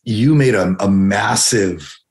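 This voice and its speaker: A man's voice: on the low side, slow. A young man co-hosting a podcast, opening the show and talking enthusiastically, often repeating words as he goes, on a headset. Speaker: podcast co-host. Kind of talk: podcast intro and interview.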